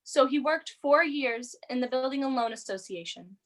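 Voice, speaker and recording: A woman's voice: high-pitched, animated, moderate pace. A woman playing a patient heavenly storyteller, narrating in a radio play. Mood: explaining.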